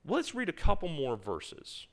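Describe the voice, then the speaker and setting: A man's voice: a little high, wildly swooping pitch, unhurried. A man leading a Bible study in front of a live group, talking conversationally and quizzing his listeners. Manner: reads scripture aloud with emphasis. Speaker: Bible teacher.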